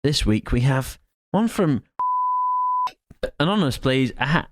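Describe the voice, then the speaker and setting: A British man chats as co-host of a comedy podcast. His voice sits at an average pitch, and his delivery is informal and joking. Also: big pitch swings, a little slow, slight background noise. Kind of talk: casual comic podcast chat.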